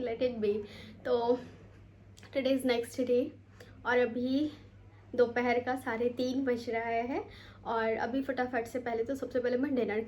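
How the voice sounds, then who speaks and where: A woman's voice: fairly high pitch, a little mellow, a little hiss or hum. A young woman from India chatting casually to her camera at home as a vlogger, rambling and mixing English words into her talk, tired and sore from a long day. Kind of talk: casual vlog chat to camera. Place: home, bedroom.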